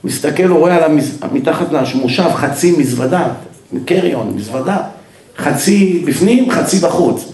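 A man, a rabbi, giving a Torah lecture as a lively story and acting out each person's lines as he goes. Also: fairly high pitch, echoey room. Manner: animated storyteller who acts out the dialogue. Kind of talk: storytelling sermon.

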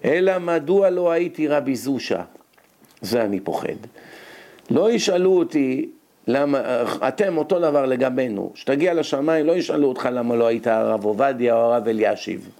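A man giving a lively religious lecture as a rabbi, rhetorical and animated, his voice jumping up when he scolds. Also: mid-range voice. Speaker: rabbi giving a Torah lesson.

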